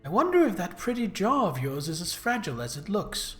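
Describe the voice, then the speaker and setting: A man's voice: sits high, big pitch swings, fairly quick, a bit bright, soft background music. A man voicing an arrogant, vengeful captured noblewoman from a video game, with a menacing, haughty cartoon-villain delivery. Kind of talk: reading video game dialogue aloud.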